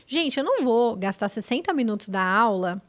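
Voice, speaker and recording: A middle-aged woman from Brazil, an English teacher, chatting as a podcast guest and explaining with quick, animated examples. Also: fairly high pitch. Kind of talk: casual podcast chat.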